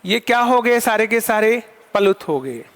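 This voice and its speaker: A male Sanskrit teacher delivers a classroom lecture in a high, animated, fairly bright voice at a slightly slow pace. He poses questions and answers them himself, repeating key terms as he goes. The recording carries a long hall reverb.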